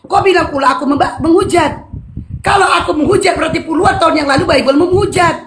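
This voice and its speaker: Taunting high-voiced woman, echoey. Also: quick pace, a little hiss or hum. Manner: taunting, loud, mocking, repeats points. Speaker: debater in a live online debate. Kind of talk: heated religious argument.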